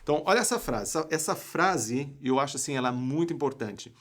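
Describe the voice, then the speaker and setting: A young man from Brazil leads a live online lesson as an English coach. He talks in an emphatic, pushing way and keeps throwing rhetorical questions at his viewers. His voice sits at a middle pitch for a man. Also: lively intonation, brisk, a bit bright. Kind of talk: live online class talk.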